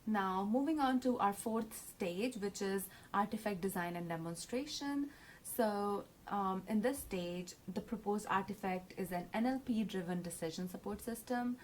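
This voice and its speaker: A woman's voice: mid-range voice, normal speed, slight background noise. A woman presenting her research from slides, earnest, with fillers and self-corrections. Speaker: student presenter.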